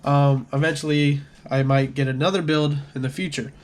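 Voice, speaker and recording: His voice is on the high side, slightly mellow and steady, delivered at normal speed. This adult with a son, a gaming channel creator, rambles through a casual gaming room tour, self-correcting and apologetic, coughing at times and short of breath.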